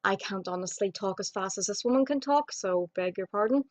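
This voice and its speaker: A woman's voice: medium pitch, a little fast. A young woman, ranting bluntly and swearing a lot in a casual vlog. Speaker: vlogger. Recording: dull lo-fi home video audio.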